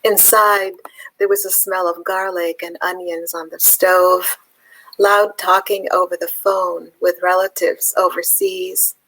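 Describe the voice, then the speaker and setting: This is a woman poet from Palestine with a lower voice and an unhurried pace. She muses in a thoughtful way, pausing and using fillers. Then she reads her own verse aloud. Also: flat delivery, fairly bright tone, poor audio. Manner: slow, thoughtful, with pauses and fillers. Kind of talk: conversation and poetry reading.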